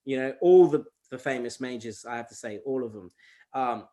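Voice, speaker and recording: In a laid-back interview, a male hip-hop artist whose childhood language was Gujarati tells animated stories at a moderate pace and medium pitch. Quoted exchanges get acted out, and fillers and restarts come often.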